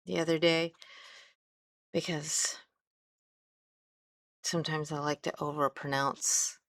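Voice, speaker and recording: Speaking slowly in a low, level voice with a fairly bright tone, this middle-aged Midwestern woman demonstrates a craft and rambles, often leaving sentences unfinished. There's no room sound in the clip. It's a relaxed crafting tutorial led by an instructor.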